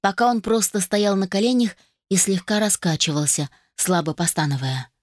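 A woman reading a first-person novel aloud as an audiobook narrator, in an even, steady manner. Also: mid-range voice, moderate pace, dry recording, clean studio sound.

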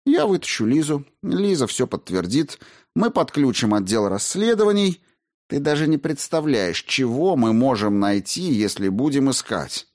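A man's voice: medium pitch, very animated, moderate pace, darkish tone, voice pushed up, close to an everyday voice. A man voicing a defiant young woman who speaks coldly and mockingly in an audiobook. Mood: taunting. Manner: cold, biting, mocking. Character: defiant scornful young woman, sharp-tongued.

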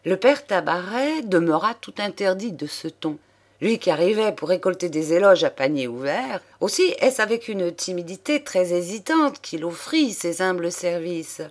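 A woman narrating a classic novel as an audiobook, measured and expressive. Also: fairly low pitch. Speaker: audiobook reader.

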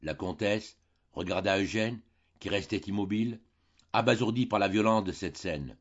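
A man reads a classic novel aloud in a measured, dramatic way, his low voice carrying a husky edge. The recording is dull and lo-fi, without much brightness. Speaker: audiobook reader. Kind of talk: audiobook narration of a classic novel.

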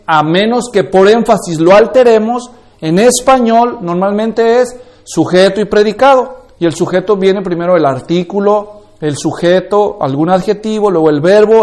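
A man's voice: high voice, a little mellow. A man teaching a class on Bible interpretation, explaining step by step and often checking that his listeners follow. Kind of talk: classroom lecture.

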